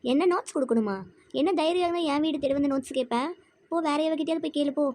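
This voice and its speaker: A woman playing a spoiled, snobbish rich schoolgirl in a church kids' skit, with sharp, dismissive talk. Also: sits high, fast talker, dry recording, studio quality, lightly acted. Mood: scornful.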